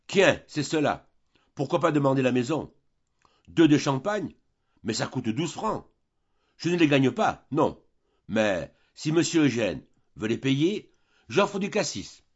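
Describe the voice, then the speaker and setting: A man doing a stingy, shrill old landlady. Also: sing-song, a little slow, husky, lo-fi sound. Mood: indignant. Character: stingy, fussy older woman landlady.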